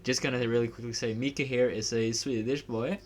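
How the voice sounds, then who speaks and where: A man's voice: medium pitch, fairly even intonation, fairly quick, slight background noise. A man co-hosting a casual podcast over a voice call, laid-back and joking while he steers the talk. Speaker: podcast co-host. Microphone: voice call over the internet.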